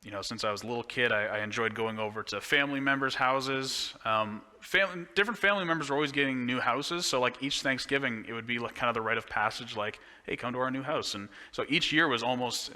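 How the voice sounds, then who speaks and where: Young guy preaching, chatty and easygoing, bright voice, long church echo behind him. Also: mid-range voice, brisk, few pauses. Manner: casual and chatty, with many fillers and restarts. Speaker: pastor. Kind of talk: church sermon. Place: church sanctuary. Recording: echoey church hall.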